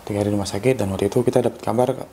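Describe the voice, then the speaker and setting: A young man with telling a ghost story in a casual, loose way, often pausing with hesitations. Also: on the low side, steady tone, mellow. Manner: loose and rambling, with frequent hesitations. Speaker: guest storyteller.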